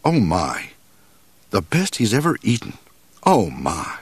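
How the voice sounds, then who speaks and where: A man's voice: lowish voice, huge pitch swings, slow, husky, no room sound, heavily acted. A man voicing a fussy, anxious cook who craves praise for his food, reading a storybook aloud. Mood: delighted. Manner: fretful, eager to please.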